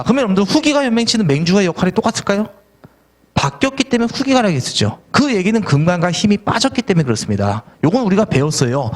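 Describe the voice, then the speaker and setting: A middle-aged man giving an exam-prep history lecture, sounding worn out, grumbling in asides and then quizzing his students with questions. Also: high voice.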